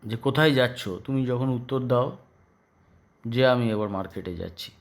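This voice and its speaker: A male schoolteacher with a Bengali accent explaining grammar to a class, halting and repeating words for his pupils. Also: medium pitch, vocal fry. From West Bengal, India. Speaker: school English teacher.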